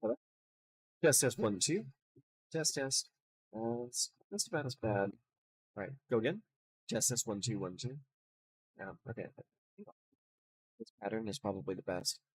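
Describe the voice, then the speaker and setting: A man's voice: fairly low pitch, expressive, moderate pace, pauses often, breathy edge. A man talking casually as he reviews cards, his faulty microphone adding a strong reverb to his voice. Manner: chatty, thinking aloud with fillers. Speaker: card game reviewer.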